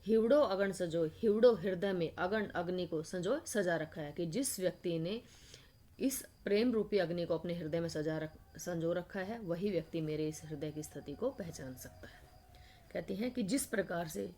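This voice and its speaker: In a line-by-line poetry lesson, a Hindi literature teacher recites devotional verses and then patiently explains them word by word. She has a lowish, warm voice and keeps a moderate pace.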